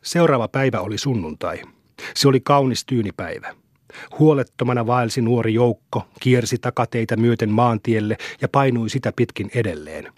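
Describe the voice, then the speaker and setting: A man's voice: no room sound, studio quality. A man reading a classic novel aloud as an audiobook narrator, telling the story steadily. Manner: steady storytelling, lifts pitch for the boys' quotes. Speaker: audiobook reader.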